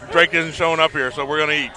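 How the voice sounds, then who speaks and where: A man's voice: on the high side, steady tone, fairly quick, music in the background, low-quality recording. A man as a basketball co-commentator, dry and joking in casual broadcast banter.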